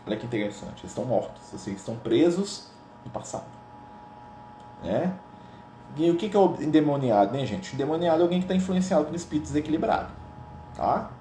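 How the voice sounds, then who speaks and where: A man's voice: fairly high pitch, very animated, fast, warm tone, slight background noise. A man with a Brazilian Portuguese accent leading a gospel study in a conversational way, often ending his phrases with tag questions. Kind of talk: informal spiritual teaching. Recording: roomy echo.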